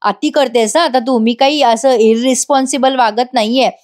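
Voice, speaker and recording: A woman's voice: on the high side, steady tone, moderate pace, a little mellow, close to an everyday voice. Irritated defensive young husband, curt, read by a woman. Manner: curt, snapping.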